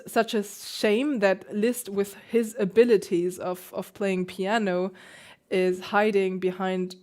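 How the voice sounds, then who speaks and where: A woman's voice: medium pitch, darkish tone. A woman pianist hosting a casual livestream, chatting, laughing often and answering questions from chat.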